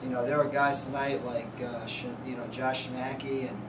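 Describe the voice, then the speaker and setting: A man in his fifties, a head coach giving plainspoken, halting postgame answers at a press conference table. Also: medium pitch, little pitch movement. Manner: plainspoken, halting, restarts often. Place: press conference room, indoors. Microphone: table mics, heard from a distance. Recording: echoey room, distant mic, noisy.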